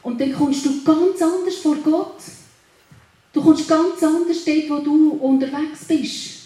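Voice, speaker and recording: A woman preaches a sermon, urging her listeners on and building to loud declarations. Her voice sits a little high and sounds mellow. The room around her echoes heavily. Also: steady tone, a little slow. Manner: exhorting, rising to louder declarations.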